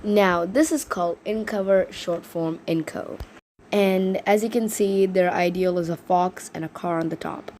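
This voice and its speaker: A woman in a casual vlog, her voice a little rough from being sick, chatting in a rambling way and correcting herself. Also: on the low side, steady tone, a little slow, a little mellow, a little hiss or hum. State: slightly sick voice. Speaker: vlogger presenting an invented world.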